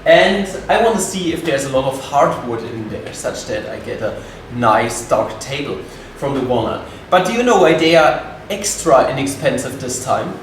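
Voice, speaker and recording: A man casually narrating a woodworking vlog, talking excitedly and swearing now and then as he works on wood in his workshop. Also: medium pitch, moderate pace, slight background noise. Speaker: woodworking vlogger. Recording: very echoey workshop room.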